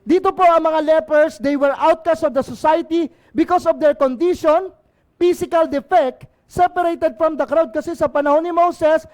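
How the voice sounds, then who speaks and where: A man's voice: very high voice, normal speed, a little mellow. A male pastor from the Philippines with a Filipino accent, preaching an impassioned sermon and often asking the congregation for an amen.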